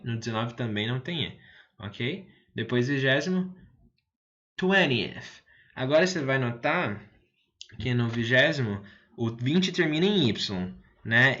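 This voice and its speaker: A man teaching a lesson in a medium-pitched voice, repeating each example slowly and checking in with his viewers. The recording sounds a little dull and lo-fi. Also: fairly bright tone. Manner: explains slowly, repeats English words, checks understanding with "tá bom?". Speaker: English teacher.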